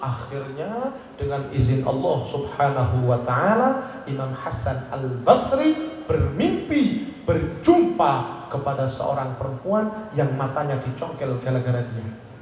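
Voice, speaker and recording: A man delivers a lively comic sermon, turning often to the audience. The sound is heavily echoed and distant, with long hall reverb and a faint background hiss. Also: mid-range voice, measured pace. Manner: animated, addresses the audience directly. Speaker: preacher. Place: large public gathering hall or outdoors. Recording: echoey loudspeaker sound from far off.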